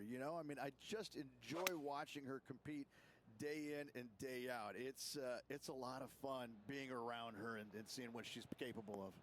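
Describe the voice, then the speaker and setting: A man's voice: mid-range voice, a bit bright, a little hiss or hum. A man giving golf color commentary, chatty and jokey, laughing easily between points.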